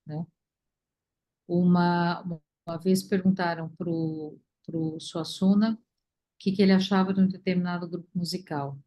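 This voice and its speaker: A woman leading a study group, talking reflectively with many pauses and fillers over a video call. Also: lowish voice, mellow. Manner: thoughtful, many fillers and restarts.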